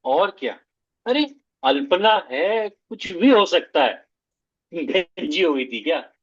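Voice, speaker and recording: A man acting an easygoing young nephew in a play over a video call, gently soothing his aunt. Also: a little high, very animated, slow pace, slightly rough, dry recording, exaggerated voice. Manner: gentle, soothing, mixes in English. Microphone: video call audio. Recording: dry, dull muffled call audio.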